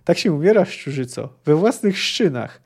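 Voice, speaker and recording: A man's voice: fairly high pitch, lively intonation, moderate pace, a little mellow, breathy edge. A man reading out a sadistic bounty hunter. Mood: menacing. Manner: growling, taunting book quote read aloud. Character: brutal sadistic adult male bounty hunter.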